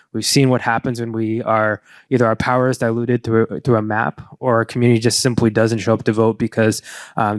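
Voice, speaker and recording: Male panel moderator, earnest rallying closer, mid-pitched voice, dry close recording. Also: no echo. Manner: earnest, rallying, many "you know" fillers. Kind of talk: closing remarks at a panel.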